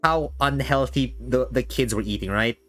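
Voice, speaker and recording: A man chatting casually as a streaming show host, haltingly, often repeating words as he thinks. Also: medium pitch, a bit bright. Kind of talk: casual chat. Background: background music.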